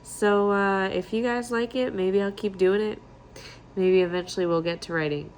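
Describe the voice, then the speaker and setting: A woman's voice: medium pitch, fairly even intonation, normal speed, a little hiss or hum, rough recording. A young adult woman talking casually to camera in a candid, self-deprecating, chatty way, like a vlogger. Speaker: vlogger and writer, new mother. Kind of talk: casual vlog talk to camera.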